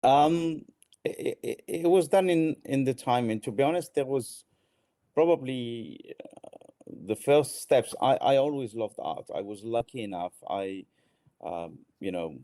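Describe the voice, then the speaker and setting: A middle-aged man from Morocco, answering interview questions thoughtfully, with frequent restarts and pauses. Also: medium pitch, dark tone, no room sound, studio quality. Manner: thoughtful, halting with many restarts. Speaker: guest, art exchange founder.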